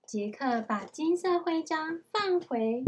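A mother reading a storybook aloud to her young child at home, in a gentle, patient manner. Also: sits high, animated, slow.

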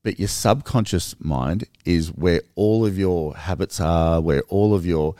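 A man co-hosting a podcast, talking earnestly in casual conversation, animated and restarting his sentences as he explains. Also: low voice, a little slow, no room sound, clean studio sound. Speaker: podcast co-host.

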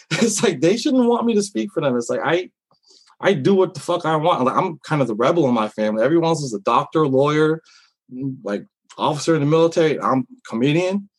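A man's voice: mid-range voice, poor audio. A man who works as a comedian talks candidly in an interview, rambling with many fillers and restarts. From Philippines heritage. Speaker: comedian guest. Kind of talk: casual interview talk.

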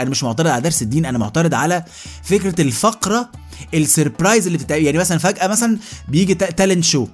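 A man with an Egyptian Arabic accent delivering a comedic monologue as a podcast host, rapid and animated, often mimicking other people. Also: a little high, slightly rough.

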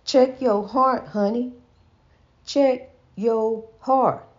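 Speaking very slowly in a steady tone, a woman with a fairly high voice hosts a casual inspirational preaching monologue. Her folksy talk is full of repetition and she calls the listener honey, also saying she stutters. The recording is dull and lo-fi.

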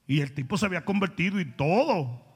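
A man preaching a confrontational sermon, scolding and mocking his listeners. His voice sits high and sounds husky, with a gravelly edge. It carries through a church hall with a long echo. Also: animated, a little fast. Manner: blunt, mocking, acts out quoted people in voices. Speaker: pastor.

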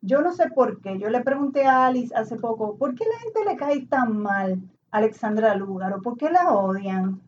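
A woman with a Puerto Rican Spanish accent speaks her mind in a casual conversation, her voice sitting a little high. She is heard from some distance from the microphone, and the sound is dull with faint noise behind it. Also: expressive, normal speed, few pauses, darkish tone. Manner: outspoken and opinionated.

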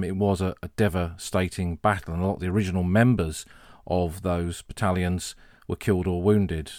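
A man hosting a history podcast, telling the story in a measured, earnest way. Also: low-pitched, a little mellow, no echo, clean studio sound.

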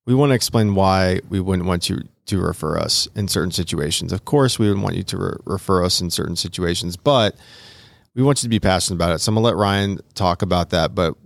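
Male podcast host, deep register, conversational, faintly mumbled speech from a dentist-numbed mouth, dry studio recording. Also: a little fast, vocal fry, no echo. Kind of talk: casual podcast talk.

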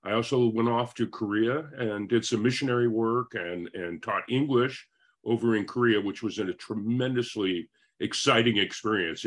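A man in his fifties from Northern California, a guest telling his life story in a friendly, rambling way over a video call. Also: on the low side. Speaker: interview guest.

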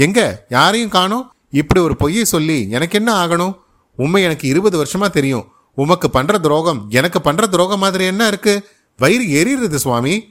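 A man voicing an agitated middle-aged man who loudly protests and accuses his neighbors in a story reading. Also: on the high side, pitched above the performer's own voice.

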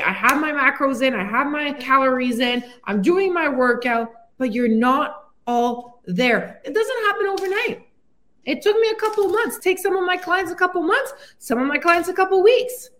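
A woman with a high voice gives a solo motivational podcast talk. She coaches in an upbeat, encouraging tone and addresses the listener directly. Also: fairly bright tone. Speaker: weight loss coach and podcast host.

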